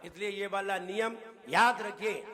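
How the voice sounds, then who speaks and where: A man teaches scripture recitation as a Jain monk, questioning his listeners and chanting slowly. His voice sits very high and sounds bright and forceful. The sound rings with the long reverb of a temple hall. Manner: explains, quizzes the listeners, chants verses slowly.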